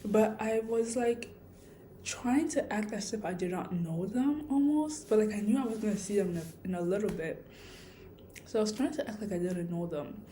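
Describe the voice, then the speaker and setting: A woman's voice: medium pitch, normal speed, dark tone, slight background noise, poor audio. A woman vlogging a personal story in a casual, rambling, reflective way, with a lisp from wearing retainer-like aligners. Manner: rambling, reflective, self-questioning.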